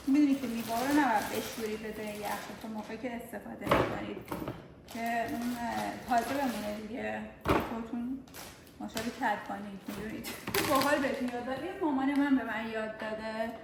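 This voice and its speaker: A woman from Iran chatting casually as she films a vlog on a phone, showing things around her home and a large store. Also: on the high side. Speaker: vlogger. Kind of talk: casual chat. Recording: echoey room with clear background noise.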